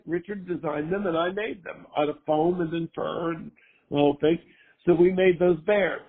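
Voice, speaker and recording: An older man, hoarse from a cold, chatting casually as an interview guest and rambling with lots of fillers. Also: on the high side. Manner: rambling, full of fillers and restarts. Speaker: guest, former costume maker. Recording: tinny phone-line sound.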